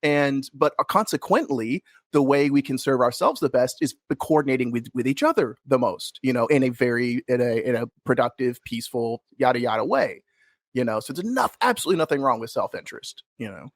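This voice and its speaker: A man's voice: medium pitch, lively intonation, a little fast, dry recording. A man with a mid-range voice co-hosts a casual podcast. He rambles, restarts his sentences and leans hard on his points. The sound is dry and close. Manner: rambling, emphatic, frequent restarts. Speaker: podcast co-host.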